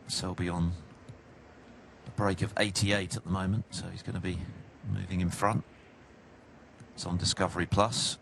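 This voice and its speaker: Man, very deep voice, hushed snooker commentary, measured, understated, broadcast with background noise. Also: level tone, vocal fry.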